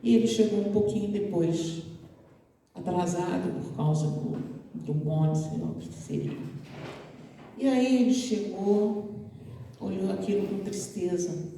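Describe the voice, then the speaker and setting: A woman giving a storytelling lecture to an audience, animated and full of pauses. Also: mid-range voice, slight background noise. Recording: echoey hall, mic far off.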